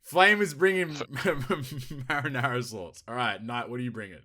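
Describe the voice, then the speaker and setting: A young man hosts a loose podcast chat, reading out listener questions between bursts of laughter and profanity. His voice has a bright edge to it. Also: medium pitch, normal speed. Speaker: podcast host. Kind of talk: casual chat.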